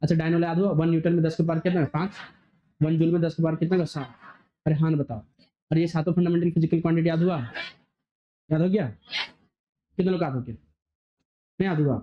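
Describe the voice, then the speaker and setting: A male physics teacher lecturing a classroom, firing quick questions and waiting for students to answer. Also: a little high, steady tone. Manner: quizzing students, call-and-response. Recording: dull lo-fi recording.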